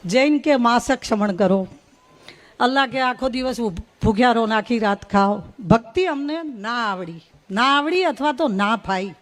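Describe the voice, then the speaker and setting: Middle-aged woman, high voice, folksy humorous speaker at a village stage. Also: lively intonation, measured pace. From North Gujarat. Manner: folksy storytelling with rhythmic rhyming phrases. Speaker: invited speaker at a folk gathering. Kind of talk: humorous public speech.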